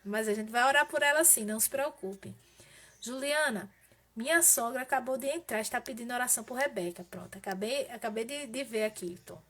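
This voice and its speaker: A woman with a northeastern Brazilian accent preaching and leading prayer on a live broadcast, urging listeners with fervent, repeated appeals and softening to a hushed tone in prayer. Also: fairly high pitch, a little fast. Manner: fervent, emphatic exhortation with pleading repetitions.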